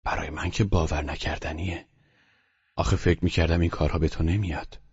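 Man voicing a young man, smug, drawling, husky, muffled lo-fi sound. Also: rumbling low, steady tone, in a large hall, full character voice. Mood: friendly. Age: young adult. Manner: drawling, self-satisfied.

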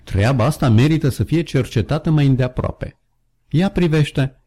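A man's voice: mid-range voice, mellow, breathy edge, voice pushed up, natural voice. A man reading an audiobook, voicing a blunt, wry frontier dog musher in a raised voice. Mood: impressed.

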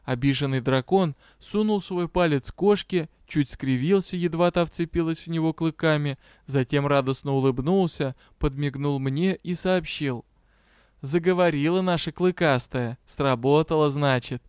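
A man reading fantasy fiction aloud as an audiobook narrator, in an even storytelling manner. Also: fairly high pitch, normal speed, few pauses, smooth, no echo, clean studio sound. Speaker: audiobook reader. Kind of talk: scripted narration.

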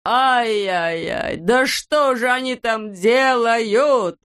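Voicing an audiobook's bald landowner, a greedy and overbearing man, a woman uses a clear, resonant voice on the low side. In a rage, he screeches, drags his words out as he yells, and hurls names.

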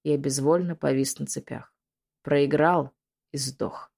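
A woman's voice: deep voice, fairly even intonation, slow, creaky, dark tone, slightly rough. Woman narrating a somber audiobook. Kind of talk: first-person audiobook narration.

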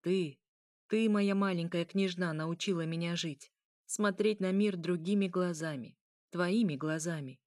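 A composed male vampire who keeps his voice calm and lets a light mockery show, read by a woman voicing him. The voice sits low and even. It sounds close, with a dry room. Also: unhurried, no room sound, close to an everyday voice. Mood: tender. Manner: calm, cool, gently mocking.

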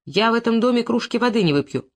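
A sharp-tongued young woman in an audiobook, pitched above the reader's own voice as a reader plays her. Her delivery is biting and scornful throughout. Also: animated, fast talker, natural voice. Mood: accusing.

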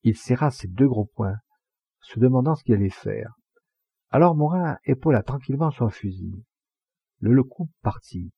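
A man reading a classic novel aloud as an audiobook narrator, in measured, steady storytelling. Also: medium pitch, vocal fry, breathy edge, no echo, dull audio. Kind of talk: scripted literary narration.

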